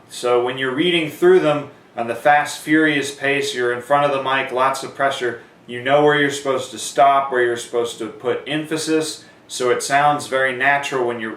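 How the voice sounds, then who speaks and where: A man with a mid-range, fairly bright voice teaches sports announcing, walking through an informal, conversational how-to lesson step by step with demonstrations. The sound is echoey, picked up by a distant microphone.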